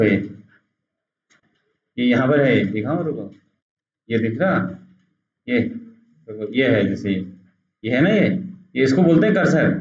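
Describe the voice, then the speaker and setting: A man's voice: fairly high pitch, a little mellow. A man teaching beginners a computer program step by step, patiently repeating words as he points at the screen. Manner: patient, repeats "dekho" while pointing things out. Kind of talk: screen-recorded software tutorial. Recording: roomy, dull lo-fi sound.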